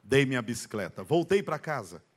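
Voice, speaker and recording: A middle-aged man preaching a sermon at a church service, emphatic and calling out to the congregation, dropping to a hush and then rising high and loud. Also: big pitch swings, brisk. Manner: emphatic, call-and-response with the congregation; swings from hushed to loud, rising high when retelling a story. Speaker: pastor.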